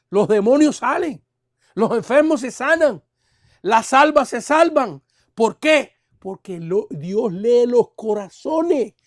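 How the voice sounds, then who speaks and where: A male pastor teaching a Bible seminar, asking rhetorical questions and swinging between loud and soft. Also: high voice, no room sound, clean studio sound. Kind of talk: sermon.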